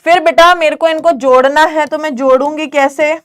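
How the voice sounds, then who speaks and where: A young woman teaching biology in a live online class, mixing English terms into Hindi, quizzing students and asking whether it is clear. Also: sits high, fairly even intonation, normal speed. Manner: calls students "beta", quizzes them, asks if it's clear.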